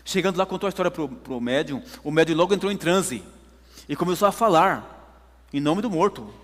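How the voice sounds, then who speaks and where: A man's voice: a little high, animated, brisk, a bit bright, long reverb tail. A man preaching a sermon, telling a story emphatically to his congregation. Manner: emphatic storytelling, addresses listeners as brothers.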